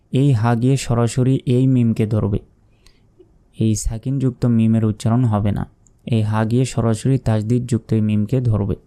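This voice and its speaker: A man teaching Quran reading step by step, patiently spelling out letters and chanting verses slowly. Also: medium pitch, warm tone, smooth. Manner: slow, drawn-out chanting of verses between plain explanations; patient, methodical spelling out of letters and vowel marks. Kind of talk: step-by-step recitation lesson.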